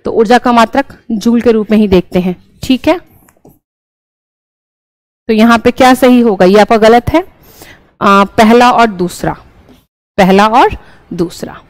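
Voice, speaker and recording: Young woman going thru exam questions one by one, bit high voice, dry close sound. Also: measured pace, pauses often, dry recording, poor audio. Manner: explains step by step, repeats answers, checks in with "ठीक है". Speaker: teacher. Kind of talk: exam-prep lesson, solving questions.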